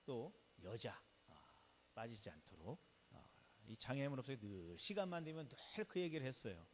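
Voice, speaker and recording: A man's voice: mid-range voice, sing-song, moderate pace, in a large hall, slight background noise. A Korean man preaching a sermon, telling a story with acted dialogue and often addressing the congregation. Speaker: pastor.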